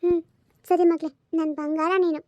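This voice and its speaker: A woman playing a burdened young mother who soothes her daughter softly in a homemade family drama. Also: very high-pitched, flat delivery, moderate pace, dry recording, lo-fi sound. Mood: soothing. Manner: soft and coaxing.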